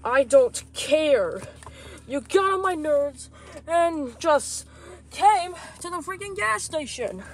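A woman's voice: very high voice, lively intonation, slow pace, pitched above the performer's own voice, heavily acted. A woman voicing Chef Fox, a grumpy, short-tempered adult chef who snaps and swears in a plush toy comedy skit. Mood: irate. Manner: gruff, irritated, swearing.

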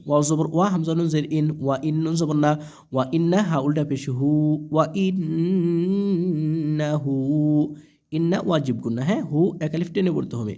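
A man's voice: on the high side, warm tone. A man teaching Quran reading, spelling each word letter by letter and asking rhetorical questions as he explains the rules. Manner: patient, letter-by-letter spelling with drawn-out recitation; asks rhetorical questions, checks with "okay?".

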